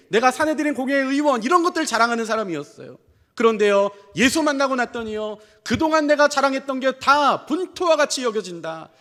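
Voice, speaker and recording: Male pastor, very high and lively voice, animated sermon with rhetorical questions, long church-hall reverb. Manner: animated preaching with rhetorical questions and frequent affirming fillers. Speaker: senior pastor. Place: church sanctuary.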